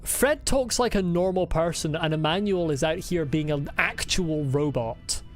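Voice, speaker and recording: A woman's voice: sits low, measured pace. Female gamer: casual playthrough commentary, blunt and incredulous, repetitive emphasis, faint game music. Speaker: video game streamer.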